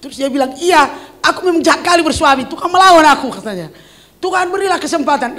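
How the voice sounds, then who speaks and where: An older woman pastor, preaching a sermon and telling stories with sudden loud exclamations. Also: on the high side.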